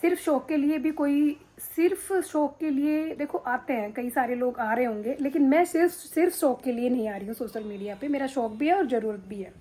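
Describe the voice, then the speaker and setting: This middle-aged woman chats casually to camera from her home's drawing room, phone in hand, rambling frankly with many fillers. Her high, mellow voice moves briskly with few pauses, though the sound quality is poor.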